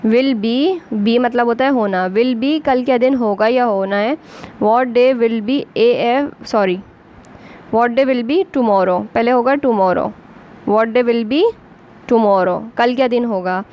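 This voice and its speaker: Slow patient woman teaching with an Urdu accent. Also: on the high side, lo-fi sound. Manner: slow, patient, spells words out letter by letter. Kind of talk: basic English lesson for beginners.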